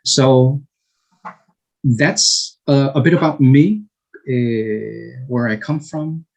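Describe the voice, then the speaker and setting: A man in his fifties from Chile, answering interview questions slowly with frequent hesitations and restarts. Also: medium pitch, vocal fry, a little mellow, rough recording. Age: 50s. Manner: slow, halting, many fillers and restarts. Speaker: guest.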